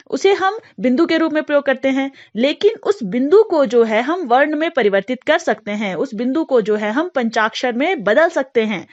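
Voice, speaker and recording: A woman teaching a grammar lesson, explaining things slowly with frequent fillers. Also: on the high side, muffled recording.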